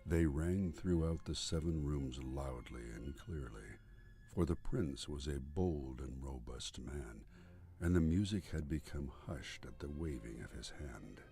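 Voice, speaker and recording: A man narrating a gothic horror story in a solemn, theatrical, deliberate way, as a voice-over narrator. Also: extremely low pitch, mellow. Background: music.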